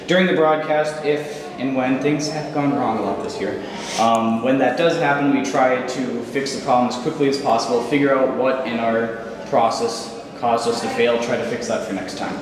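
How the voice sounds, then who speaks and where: A man's voice: medium pitch, fairly even intonation, moderate pace. A young man, a technical director, explains his process in an earnest, orderly way. He sounds far from the mic in a very echoey hall with a long tail. A crowd chatters behind him. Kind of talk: casual interview answers.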